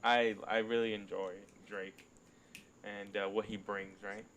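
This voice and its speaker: A man's voice: fairly low pitch, little pitch movement, a little slow, a bit bright, slight background noise. A nineteen-year-old man co-hosting a casual podcast, chatty and hedging a lot with "like" and "right?". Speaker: podcast co-host. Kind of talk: casual chat.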